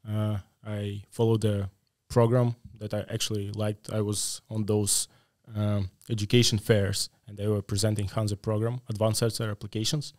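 A man's voice: lowish voice, level tone, normal speed, hardly any pauses, darkish tone, no room sound. A man from Latvia in his thirties, a guest in a podcast interview, talking with many fillers into a studio mic. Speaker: guest, AI consultant. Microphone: studio mic on a stand.

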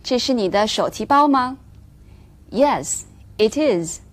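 A woman teaching English to Chinese learners in a recorded lesson, explaining clearly and measuredly and slowing down for the English examples. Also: fairly high pitch, expressive.

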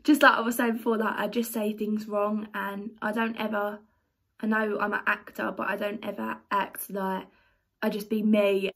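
A woman's voice: medium pitch, level tone, moderate pace, fairly bright tone, breathy edge. A young woman reading viewer comments aloud and answering them in a chatty, blunt, sarcastic way in a casual vlog. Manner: reads comments aloud, then reacts.

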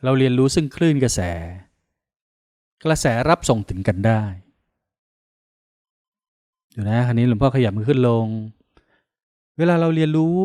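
A man from Thailand, a Buddhist monk, leading a guided meditation in slow, calm, soothing instructions with pauses. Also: medium pitch, no room sound, studio quality.

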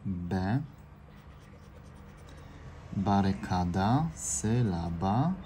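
A man calmly reading out letters and words one by one as he scratches off lottery cards, indoors by an open window. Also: low-pitched, extremely slow. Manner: reads out letters and words one by one in a calm, steady drone. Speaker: scratch-card vlogger. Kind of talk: casual scratch-off commentary. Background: faint noise through an open window.

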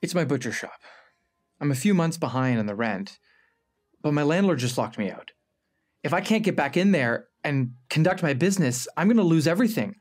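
A man's voice: fairly high pitch, lively intonation, fairly quick. A man playing a desperate, respectful shopkeeper in a comedy sketch, speaking in an earnest, deferential way. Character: desperate, deferential butcher begging a mob boss. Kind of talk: comedy sketch acting, mafia parody. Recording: music playing under the voice.

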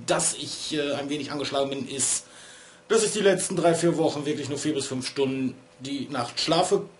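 In a small home room lit with LED strips, a thirtysomething male vlogger and streamer talks casually with a fairly high pitch. He's chatty and digressive, teasing himself as he rambles, and sounds a bit congested from a cold.

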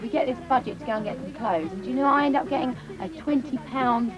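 A woman's voice: fairly high pitch, fast talker, lo-fi sound. A young woman chatting and teasing in a casual behind-the-scenes talk on a video set. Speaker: pop singer on a video shoot.

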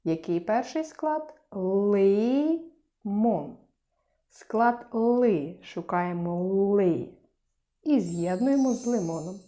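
A woman teaching a speech lesson to young children, sounding out syllables clearly and praising often. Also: medium pitch, animated, takes it slowly, dark tone.

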